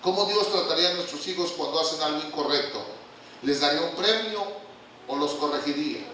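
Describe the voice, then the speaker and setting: A man's voice: on the high side, fairly quick, a little hiss or hum. Older male preacher echoing through a hall. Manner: lively, humorous preaching with call-and-response questions. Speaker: guest pastor. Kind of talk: sermon. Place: church hall. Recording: echoey hall recorded from a distance.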